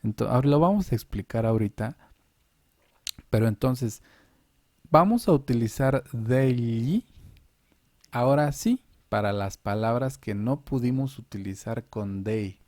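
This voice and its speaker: A man's voice: medium pitch, a little slow, a little mellow, no room sound. A man teaching a language lesson online, patiently explaining step by step and asking and answering his own questions.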